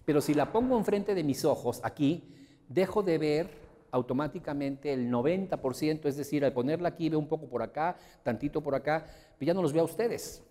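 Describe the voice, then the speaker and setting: A man's voice: on the high side, brisk. A man giving a motivational seminar to an audience, telling stories and acting out the voices of the people in them. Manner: animated storyteller who acts out quoted voices. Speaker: seminar speaker. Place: large room before an audience. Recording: reverberant hall.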